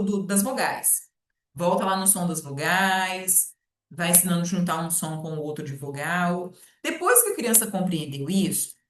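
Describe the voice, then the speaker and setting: A Brazilian woman teaching professionals about children's literacy in a patient, repetitive way, often checking in with a quick "tá?". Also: fairly low pitch, fairly bright tone, recorded from a distance. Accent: Brazilian Portuguese. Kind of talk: informal teaching talk. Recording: echoey room, voice off-mic.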